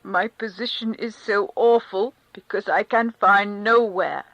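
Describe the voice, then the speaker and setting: In an audiobook, a woman voices a grieving, humiliated middle-aged male official, sounding crushed, anguished and pleading in a thin, strained tone. Her own voice is mid-range, a little slow and a bit bright, captured in a dry, lo-fi recording.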